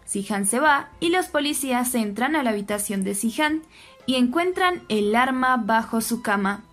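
A woman narrating a scripted soap opera recap, telling the story in a steady way and giving the quoted lines only a slight lift. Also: fairly high pitch. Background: faint background music.

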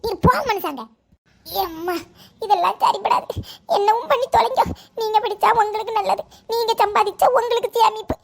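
A woman's voice: extremely high pitch, normal speed, creaky. A woman voicing a scolding middle-aged village mother. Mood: exasperated.

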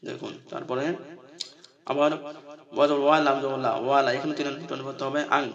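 A man with a voice of middling pitch teaches a scripture reading lesson, breaking each word into its letters and vowel marks. Between the spelled-out parts he chants the verses, rising high and stretching the sounds long. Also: flat delivery, creaky, highs cut off, crowd noise. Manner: spells out syllables slowly, then chants verses in a high, drawn-out melody.

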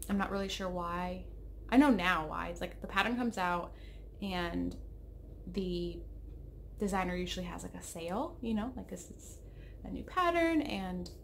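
With a fairly low pitch and a little froggy throat, a woman in her thirties hosts a knitting podcast from her home craft room, chatting in rambling, self-interrupting fashion. Her desk webcam adds a little hiss or hum.

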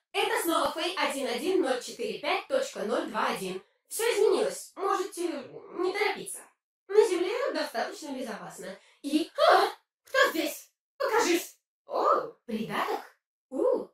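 A woman voicing a haughty, curious alien in a video game, with formal, pompous, theatrical phrasing. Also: sits high. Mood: alert, then curious, delighted. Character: haughty, curious female alien stranded on Earth. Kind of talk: dramatic video game voice acting. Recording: very echoey, distant, over loud music.

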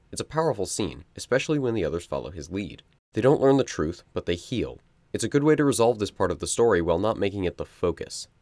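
A man's voice: sits low, darkish tone. A man giving a scripted video review with a wry, sarcastic manner. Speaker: video essayist. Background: guitar music.

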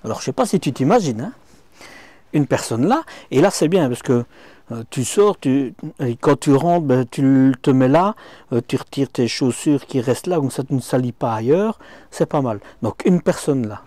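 Speaking at a moderate pace in a warm, expressive mid-range voice, a middle-aged man reviews a camper van from the inside. The clip-on mic gives a recording with no room sound, and his chatty walkthrough talks straight to the viewer, peppered with "hop-hop" and "hein."

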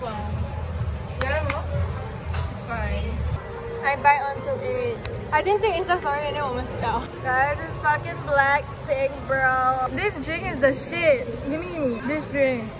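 A young woman vlogging on a phone camera, giggly and excitable, swearing casually. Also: high voice, a little slow, long pauses. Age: young adult. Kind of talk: casual vlog chat. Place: large indoor bowling alley. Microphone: handheld phone camera. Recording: loud bowling alley with music and crowd. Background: loud music and crowd chatter.

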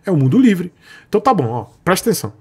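A man's voice: high-pitched, very animated, very fast, dark tone, breathy edge. Blunt, sarcastic Brazilian man. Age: middle-aged. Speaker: vlogger. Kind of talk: ranting explanation.

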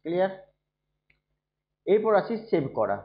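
A man who is unwell, teaching a computer lesson slowly and softly, often asking his students if they follow. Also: high voice, big pitch swings. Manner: slow, soft-spoken, checks in often with students. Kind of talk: screen-recorded computer lesson. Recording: dull, echoey room recording.

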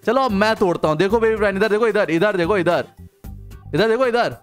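A young man giving playful gameplay commentary, coaxing and teasing a game companion with quick repeated interjections. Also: sits high, soft background music. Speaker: gaming video host.

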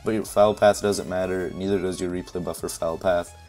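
A hoarse man with a fairly low voice gives a relaxed, step-by-step screen-recording tutorial, his voice fading after losing it. He talks casually into a desktop mic, with faint music playing underneath. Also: a little fast. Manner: relaxed, step-by-step, leans on "essentially" and "uh". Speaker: tutorial youtuber.

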